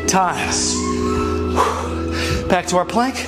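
A man's voice: high voice, very slow. A man working as an aerobics instructor, leading a workout with motivating counted cues and short commands. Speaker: fitness instructor. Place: indoor gym. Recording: music behind the voice. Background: workout music.

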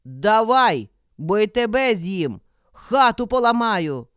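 A woman doing a loud, greedy wolf. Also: fairly high pitch, big pitch swings, a little slow, no echo, clean studio sound, voice pushed up. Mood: threatening. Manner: shouting, singsong demands. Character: loud hungry male wolf, threatening.

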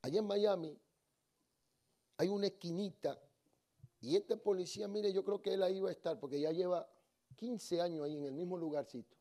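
A man with a high voice and a mellow, dark tone preaches to a church congregation. He tells stories with humor, drops to soft asides, then rises to loud exhortation. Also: normal speed, long pauses. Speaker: guest preacher. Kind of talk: lively Spanish-language sermon with humorous anecdotes. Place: church sanctuary.

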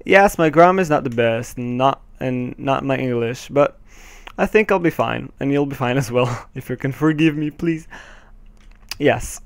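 An Israeli teenage boy with a Hebrew first language and an Israeli accent hosts casual headset gameplay commentary, hesitating, umming, laughing nervously, and swearing when the game turns on him. He speaks at a measured pace in a mid-range voice with vocal fry; there's no room sound.

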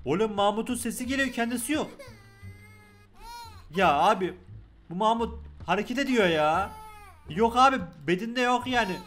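A young man with a Turkish accent giving joking, excitable let's-play commentary, talking loudly to the game's baby. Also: high-pitched. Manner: loud, joking, excitable, talks to the game baby. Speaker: gaming YouTuber.

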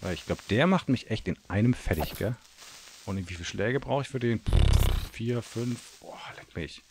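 Jumpy German gamer, gravelly and lively. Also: male voice, on the low side, moderate pace, noisy background. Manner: nervous, swears at monsters, talks to himself. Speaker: gaming video host. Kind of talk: Let's Play commentary.

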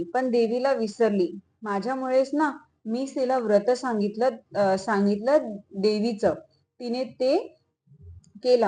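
A woman's voice: a little high, darkish tone. A woman voicing an angry, poor old beggar woman who scolds bitterly.

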